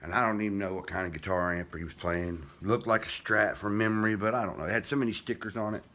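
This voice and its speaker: Talking fast with fairly even intonation, this toothless, deep-voiced older guitar vlogger chats in a rambling, folksy, self-deprecating way, his diction soft at the edges. The recording carries room ambience and distinct background noise.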